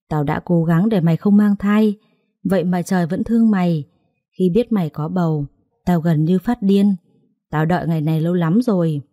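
Lady reading as a nasty bitter sister-in-law, low harsh threats, dry close sound. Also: mellow, no echo, natural voice. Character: cruel scheming woman, bitter sister-in-law.

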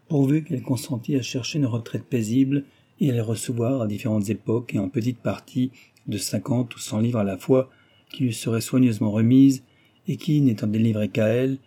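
A man narrating a classic novel as an audiobook in a steady, even storytelling manner, with a husky voice. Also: mid-range voice. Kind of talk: scripted literary narration.

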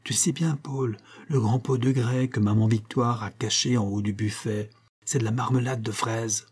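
A man voicing a mischievous, bold little girl in a storybook reading, lifting his pitch and coaxing. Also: fairly quick, husky, natural voice. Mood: whispering. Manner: lively, coaxing, raised girlish pitch.

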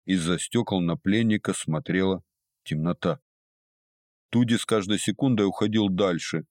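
A man with a very deep, low voice narrates a story in a steady, even manner. The recording is close and dry, with no room echo at all. He reads as a practised audiobook narrator. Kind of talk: scripted narration.

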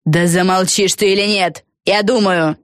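A woman puts on a proud, hot-tempered young witch in a storybook reading. She hisses and snaps in a low voice, recorded dry and close. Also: fairly even intonation, normal speed, dry recording, natural voice. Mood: snapping. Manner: hissing and snappish. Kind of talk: audiobook character voice.

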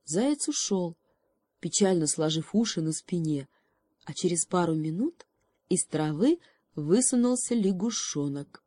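A woman reads a children's storybook in a calm, even narration. Her voice is low and dark, recorded close in a dry space. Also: measured pace, no room sound.

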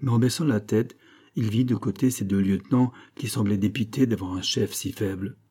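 Husky low-voiced man narrating. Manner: measured, expressive storytelling. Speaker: audiobook reader. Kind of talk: scripted narration of a classic novel.

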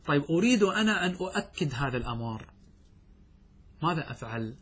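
A man teaching Arabic grammar in a lesson, questioning his students and reciting verse slowly. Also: a little high, sing-song, a bit bright, slightly rough. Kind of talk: classroom lesson explaining grammar.

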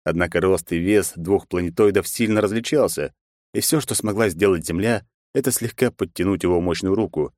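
Man, deep voice, audiobook narration, measured steady reading, dry studio sound. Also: no echo. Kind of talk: scripted narration.

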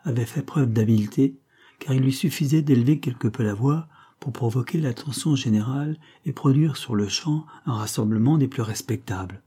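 A man narrating a novel in a measured, steady audiobook reading. His voice is dark and mellow with a husky edge, at a middle pitch.

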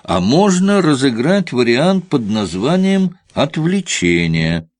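A man reading a thriller audiobook aloud in a measured, tense narrating style. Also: medium pitch, no room sound, studio quality. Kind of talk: dramatic scripted narration.

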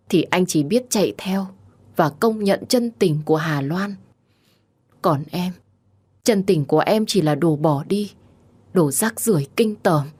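A woman voicing a wronged young wife who pleads through tears, her voice climbing in shrill, tearful outbursts. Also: darkish tone, husky. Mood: bitter pleading. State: crying.

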